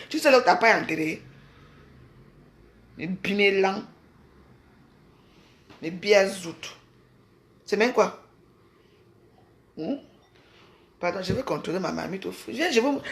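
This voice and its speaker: Heated woman taunting in a home rant. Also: mid-range voice. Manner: heated, taunting, repetitive rhetorical questions with tags like "hein". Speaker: social media personality ranting on a live video. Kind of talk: angry direct-to-camera rant. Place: her home, indoors.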